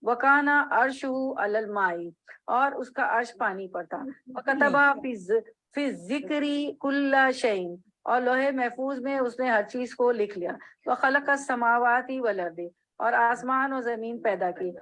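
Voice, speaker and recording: A woman's voice: a little high, fairly bright tone, rough recording. A woman teaching a religious class, reading a text line by line, explaining each phrase and checking that her students follow. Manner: reads Arabic then explains in Urdu phrase by phrase. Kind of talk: hadith class lecture.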